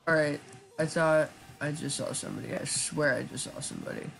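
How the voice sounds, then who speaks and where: Gravelly young man narrating gameplay. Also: on the high side, brisk, faint music behind. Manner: self-described monotone, chatty, with frequent ums. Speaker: gaming YouTuber. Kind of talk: live gameplay commentary.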